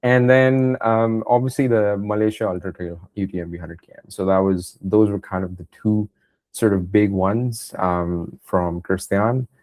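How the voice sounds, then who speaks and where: A man's voice: fairly low pitch, steady tone, a little slow, a little mellow, dry recording. A man hosting a podcast interview, talking loosely and hesitantly with many fillers. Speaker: podcast host.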